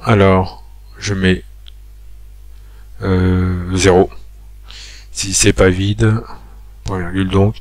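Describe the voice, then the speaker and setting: A man giving a screen-recorded spreadsheet tutorial, thinking aloud with many pauses and fillers as he talks viewers through each step. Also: deep voice, dry recording.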